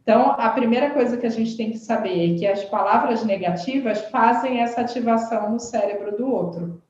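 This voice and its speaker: A woman explaining communication habits in conversation, animated and tagging her sentences with questions. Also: on the high side, brisk. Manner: animated, frequent "né?" tags. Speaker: communication expert guest. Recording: very echoey dull-sounding room.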